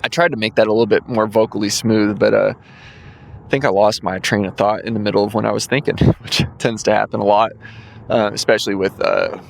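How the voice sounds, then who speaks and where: A fairly low, steady voice with vocal fry comes from a man in his 20s hosting a podcast alone, speaking fairly quickly. He's drowsy, yawns occasionally, and rambles with many fillers, over slight background noise.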